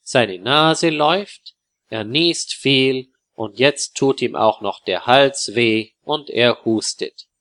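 A man narrating a story for learners in a slow, calm, clearly articulated reading. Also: mid-range voice.

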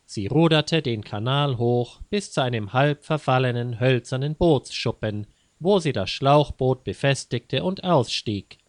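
A man calmly narrating an audiobook story in a measured way. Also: medium pitch, no echo, studio quality.

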